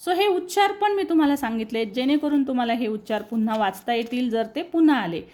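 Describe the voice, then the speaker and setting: High-voiced Marathi woman teaching English. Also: lively intonation, a little mellow. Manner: repeats and slowly spells out words for students. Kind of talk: explaining a lesson on screen.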